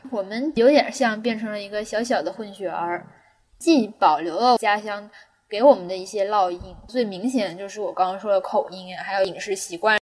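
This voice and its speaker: A young woman co-hosting a podcast, her Mandarin carrying a Cantonese accent. Her voice sits at a middling pitch. She chats casually and tells reflective stories from her own life. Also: fairly quick. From Guangdong, China. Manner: reflective, anecdotal storytelling. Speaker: podcast co-host. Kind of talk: casual chat.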